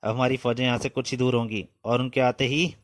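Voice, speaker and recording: A man's voice: medium pitch, flat delivery, a little fast, dry recording, studio quality, lightly acted. A man voicing a ruthless enemy soldier commander in a comic storybook reading, speaking harshly and scornfully.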